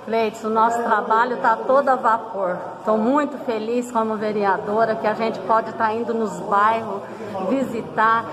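A woman's voice: a little high, level tone, moderate pace, crowd noise, rough recording. Earnest middle-aged woman councillor. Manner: earnest, addresses the reporter by name. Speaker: city councillor. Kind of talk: interview answers. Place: indoor office with flags.

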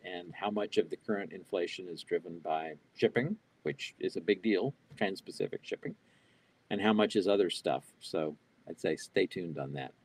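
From a small home office, an older man talks through a wired earbud headset on a video call as keynote presenter of a live online Q&A. He reads questions from the audience and answers off the cuff, using fillers and restarts, in a low, breathy-edged voice at a moderate pace.

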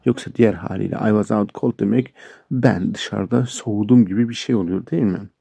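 A man teaching English sentences, explaining each one and repeating the examples slowly. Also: lowish voice, gravelly, warm tone, husky, no echo. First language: Turkish. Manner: explains sentences line by line, addresses viewers as friends. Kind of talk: language lesson.

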